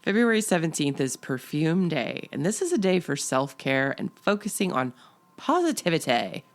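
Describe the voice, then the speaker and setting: A woman's voice: low voice, big pitch swings, moderate pace. A middle-aged woman co-hosting a podcast in casual chat, playful and teasing, often breaking into laughter. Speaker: podcast co-host.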